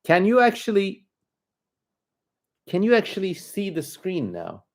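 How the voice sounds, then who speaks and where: A man's voice: sits high, wildly swooping pitch, unhurried. A man with a Turkish accent hosting a livestream, giving casual commentary in an informal, rambling way as he thinks aloud. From Turkey. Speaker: livestream host.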